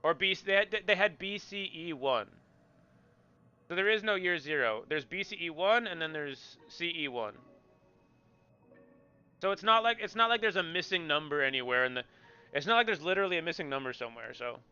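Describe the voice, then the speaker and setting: A man's voice: a little high, expressive, fairly quick, sharp tone, smooth, highs cut off, faint music behind. A man streaming a game, chatting casually with viewers in a joking, rambling way and repeating himself.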